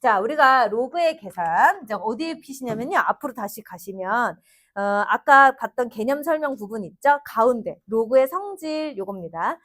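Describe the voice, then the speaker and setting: Woman math teacher, classroom lesson, fairly high voice, quizzes students as she goes. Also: normal speed. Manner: lively, addresses students directly with frequent questions.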